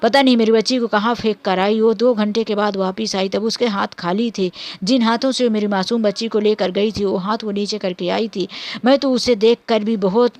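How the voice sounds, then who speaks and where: A woman's voice: medium pitch, steady tone, moderate pace, a little mellow, no room sound, natural voice. A woman voicing a grieving village mother who was wronged for years, in a plaintive, sorrowful read-aloud story.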